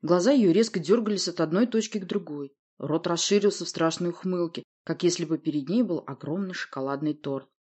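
A woman narrating a fantasy audiobook in the first person with expressive storytelling. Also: fairly low pitch, a little fast, few pauses, slightly rough.

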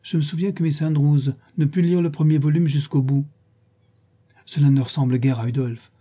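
Brief: a man doing a flighty, effusive young lady in a storybook, raised pitch, dark husky tone. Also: fairly even intonation, normal speed. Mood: gushing. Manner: effusive, exaggerated, gossipy. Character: gushing, flattering young woman friend. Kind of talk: audiobook reading.

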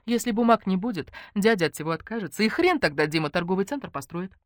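A woman voicing a bossy, scheming young woman friend in an audiobook, speaking briskly and commandingly. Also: mid-range voice, expressive, dry recording, clean studio sound, natural voice. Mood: firm.

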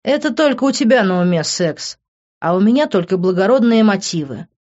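A man's voice: high voice, animated, brisk, a little mellow, dull audio, pitched above the performer's own voice. A reader voicing a sarcastic, teasing young man who mocks his friend in an audiobook. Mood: calm. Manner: teasing, ironic.

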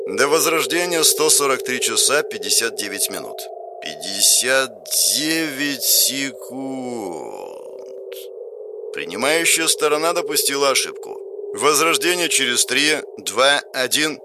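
A man voicing an impersonal game system announcement in a flat announcing manner. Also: medium pitch, a little slow, loud music behind the voice, pitched above the performer's own voice.

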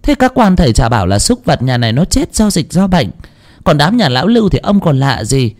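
Brief: a man putting on a bossy, skeptical rich wife, pitched up and scolding, storybook tale. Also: very animated, a little mellow. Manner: scolding, quick retorts. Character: sharp-tongued wealthy older wife, skeptical, bossy.

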